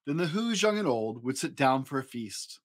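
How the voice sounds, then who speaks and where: A man, a dad storyteller and host, reads a children's story at a moderate pace in a medium-pitched voice with big pitch swings. His reading is expressive, with dramatic and playful emphasis. He records in a small indoor home studio room.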